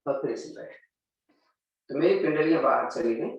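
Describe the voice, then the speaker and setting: A man's voice: medium pitch, expressive, normal speed, creaky. Yoga teacher guy walking the class through poses, voice a bit far from the mic. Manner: talks students through poses step by step. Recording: very echoey room, mic at a distance.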